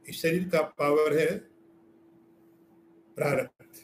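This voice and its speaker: Hindi spiritual teacher in an echoey room. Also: male voice, high-pitched, unhurried, a little hiss or hum. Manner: explains with everyday examples and rhetorical questions. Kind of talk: scriptural lecture.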